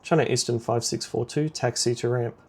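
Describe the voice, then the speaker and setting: A little fast and steady in tone, a man issues clipped, procedural radio orders as an air traffic controller in a simulation game. His creaky voice sits at medium pitch.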